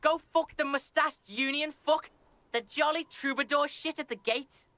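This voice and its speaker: A woman's voice: high voice, moderate pace, bright, forceful tone, dry recording. A woman voicing a swearing, hostile twelve-year-old boy who speaks of himself in the third person, in a video game. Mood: belligerent.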